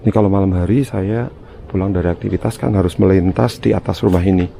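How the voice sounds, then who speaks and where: A man's voice: low voice, fairly even intonation, quick pace, gravelly. A man narrating a casual exploration vlog to his viewers, talking in a hesitant, uneasy manner. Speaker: vlogger, channel host. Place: outdoors around an overgrown empty house. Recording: noisy outdoor handheld recording, ambient hum.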